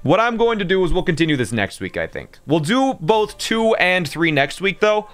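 A man's voice: high-pitched, big pitch swings, moderate pace, fairly bright tone, soft background music. A young man streaming a game in casual chat, joking and rambling, sounding tired and groggy. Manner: chatty, joking, trails off and restarts. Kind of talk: casual livestream chat over gameplay.

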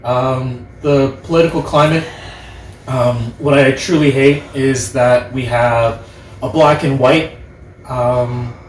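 A young man in his twenties chatting casually as host, earnest and halting in the way he talks. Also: mid-range voice, steady tone. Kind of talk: casual group chat. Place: living room, on a couch. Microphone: distant camera microphone. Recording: roomy, distant camera mic, background noise.

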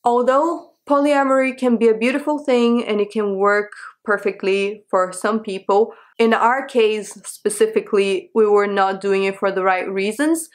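A young woman speaks straight to camera from a small bedroom. Her talk is chatty and candid, full of asides and rhetorical questions, at a middling pitch. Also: steady tone, normal speed. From Brazil. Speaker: vlogger. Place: small bedroom with a sofa, indoors.

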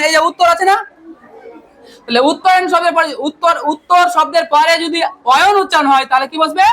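High-voiced teacher quizzing a class. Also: sharp tone. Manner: asks questions and answers them, praising with "very good". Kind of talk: Bengali grammar lesson.

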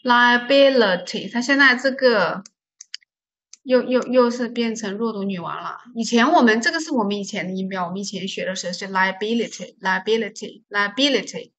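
A woman's voice: a little high, animated, brisk, fairly bright tone, slightly rough. A woman teaching an English vocabulary lesson, patiently explaining stress and silent letters and repeating each word to drill pronunciation.

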